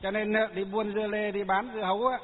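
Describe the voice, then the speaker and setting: A high-voiced male Buddhist monk gives a Dharma talk full of anecdotes, speaking quickly with little pitch movement in a folksy, chatty storytelling style with frequent fillers. The sound is tinny and phone-like, in a long-reverb hall with a little hiss or hum.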